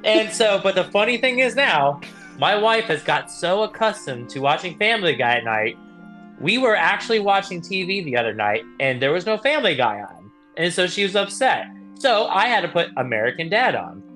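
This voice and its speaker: A man's voice: high voice, very animated, normal speed, pushed and bright, soft background music. A young man co-hosting a podcast, chatting casually and telling rambling stories with the odd swear word. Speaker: podcast co-host. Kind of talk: casual chat.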